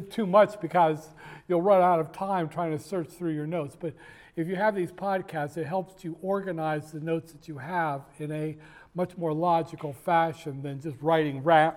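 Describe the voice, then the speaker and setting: A man giving a university finance lecture in a classroom, joking and digressing, talking straight to his students and often stopping to restart his sentences. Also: fairly high pitch. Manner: jokey, digressive, with many fillers and restarts; addresses students directly.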